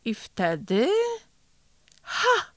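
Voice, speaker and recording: A woman's voice: mid-range voice, big pitch swings, takes it slowly, fairly bright tone, dry recording, exaggerated voice. A woman voicing a small, worried boy turtle who talks in an anxious, plaintive way in a storybook reading.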